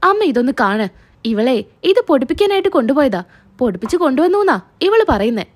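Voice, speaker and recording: A woman's voice: sits high, big pitch swings, brisk. A woman reading the lines of a scheming, bullying middle-aged mother-in-law in an accusing tone. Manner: accusing, scolding.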